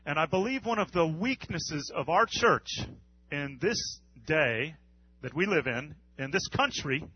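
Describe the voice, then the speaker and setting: A male pastor from the United States preaching an earnest sermon, with measured pauses and repetition. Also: on the high side, lively intonation, slightly rough, lo-fi sound.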